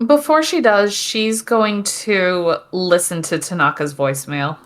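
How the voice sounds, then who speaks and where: A woman's voice: on the low side, measured pace, a bit bright, faint music behind. A woman casually describing her character's actions as a player in a tabletop role-playing game.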